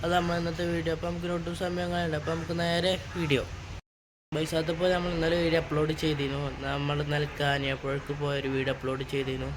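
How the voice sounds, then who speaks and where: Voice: medium pitch, little pitch movement, fast. A vlogger, casually narrating an outing to viewers and mixing English words into the talk. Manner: mixes English words into Malayalam. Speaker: vlogger hosting a travel vlog. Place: outdoors at tourist spots and park. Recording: noisy outdoor recording with crowd and traffic sounds.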